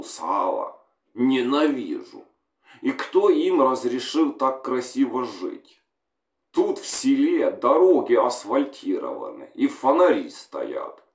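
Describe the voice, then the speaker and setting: A man's voice: on the low side, exaggerated voice. A man voicing a coarse, bullying male soldier commander who barks crude orders, recorded in a roomy space from a distance.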